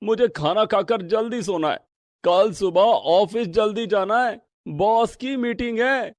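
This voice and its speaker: Someone doing a tired young son, slow and distant. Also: medium pitch, dry recording, natural voice. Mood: weary.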